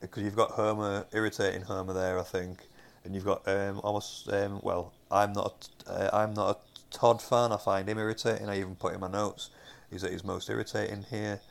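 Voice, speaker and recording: A young man with a Northern English accent, his voice low and full of gravelly fry. He talks casually about television, wandering through his points with frequent ums and self-corrections. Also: little pitch movement, fairly quick. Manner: rambling, many fillers and restarts. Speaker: podcast co-host. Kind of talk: casual chat reviewing TV episodes.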